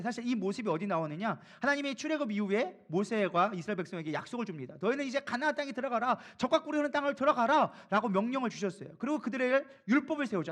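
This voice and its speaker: Fast, high-voiced Korean pastor preaching. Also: male voice. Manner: lively, acts out biblical figures in casual speech. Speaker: co-lead pastor. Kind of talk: sermon.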